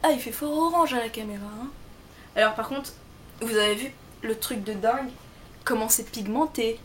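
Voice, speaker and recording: Chatty high-voiced Belgian woman. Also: normal speed, slight background noise. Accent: Belgian French. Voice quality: chatty and expressive, mixing joking asides with product details. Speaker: beauty vlogger. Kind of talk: casual product review.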